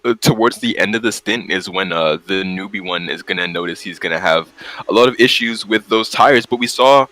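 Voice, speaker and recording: Deep, bright-voiced man calling races. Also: a little fast, dry recording, low-quality recording. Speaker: race commentator, host. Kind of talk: casual live sim-race commentary.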